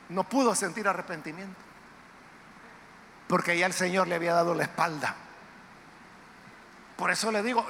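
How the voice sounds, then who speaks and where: A man preaching in an emphatic, dramatic style, his very high voice cutting through with a sharp, bright edge. His delivery swings into sudden loud outbursts. The recording carries a long church-hall reverb over faint background noise. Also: vocal fry. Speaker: pastor. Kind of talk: sermon. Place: church sanctuary.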